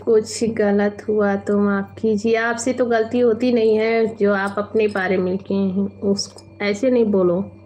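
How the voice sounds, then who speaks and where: Woman, live stream host, relaxed drawn-out delivery, mid-pitched, chatty and mildly reproving. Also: slight background noise. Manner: unhurried, chatty, gently scolding viewers. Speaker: live stream host reading viewer comments. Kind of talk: casual live stream chat. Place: home, at night.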